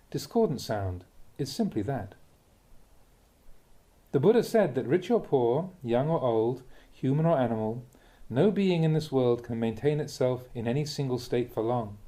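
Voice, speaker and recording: A man gives a Dhamma talk, reading a Buddhist teaching aloud in measured, deliberate phrases marked by emphatic contrasts. His voice sits in the mid range with a dark tone.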